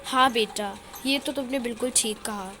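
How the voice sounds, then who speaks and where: A woman voicing a gentle young aunt who pleads softly and tearfully. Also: a little high, normal speed, soft background music. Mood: kind. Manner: soft, pleading.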